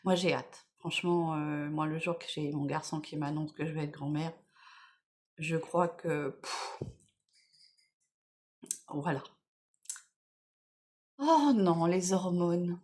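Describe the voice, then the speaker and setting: A woman's voice: sits low, level tone, unhurried, pauses often. A middle-aged woman chatting casually through a morning makeup vlog, tired and rambling, often trailing off and getting back on track. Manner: rambling, chatty, full of "voilà" and "bon, bref". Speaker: beauty vlogger. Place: at home in the morning.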